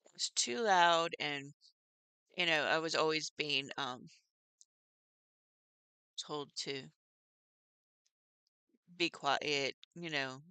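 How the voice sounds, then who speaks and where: A woman's voice: sits low, very slow, long pauses, smooth, no echo. Chatty, laughing woman livestreaming to viewers. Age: middle-aged. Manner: chatty, laughs often, warm toward viewers. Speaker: livestream host. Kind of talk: casual chat with live viewers.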